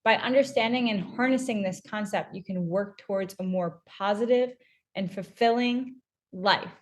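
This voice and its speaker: A woman co-hosting a wellness podcast, talking in an animated, emphatic way and filling her speech with "like". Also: mid-range voice, moderate pace. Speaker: podcast co-host. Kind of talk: casual podcast chat.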